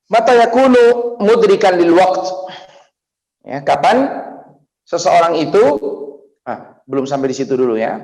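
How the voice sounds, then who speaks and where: A man giving a casual, anecdote-filled religious lesson as the teacher, with sudden excited rises in his voice. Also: medium pitch, poor audio. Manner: chatty, anecdotal, rising excitedly at points. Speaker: Islamic teacher.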